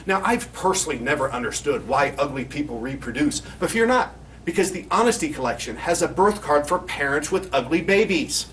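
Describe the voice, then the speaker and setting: A man playing a crude, cynical clown pitchman in a spoof infomercial, swearing and mock-sincere as he sells insulting greeting cards. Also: animated, fairly quick, a bit bright. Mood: aggrieved, proud. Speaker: comedian in character as a clown. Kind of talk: spoof infomercial sales pitch with recited rhyming card verses. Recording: roomy echo, faint background noise.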